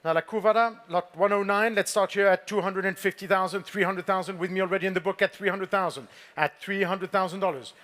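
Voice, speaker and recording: Male fine art auctioneer, high register, formal and composed, repeating bids and courteously nudging bidders during a live sale. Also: fairly even intonation, fast, hardly any pauses, fairly bright tone. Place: auction saleroom with bidders present.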